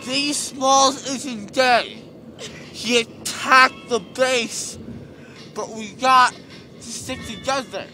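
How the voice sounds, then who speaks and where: A man's voice: very high-pitched, slow pace, sharp tone, soft background music. A young man with his mouth stuffed with gauze, groggy from anesthesia after surgery, rambling loopily and paranoid in a car. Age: young adult. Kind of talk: casual filmed car ride. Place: car interior.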